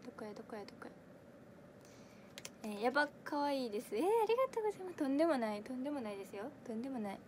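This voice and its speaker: Close to her microphone, a bright young woman in her twenties with a strong Kansai accent chats very fast and expressively, her voice high-pitched. As an idol audition livestreamer, she reads viewer comments and responds as she goes, giggling and rambling with lots of fillers. Slight background noise is audible.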